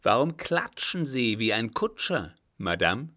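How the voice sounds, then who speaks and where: Sneery old captain guy, man reading it, loud, mocking, low voice, audiobook. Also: unhurried. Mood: scornful. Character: scornful old male captain, sneering and threatening.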